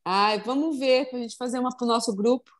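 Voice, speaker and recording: A woman leading a group conversation, thanking a participant in a relaxed, friendly way. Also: fairly high pitch, fairly quick. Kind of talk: casual group chat.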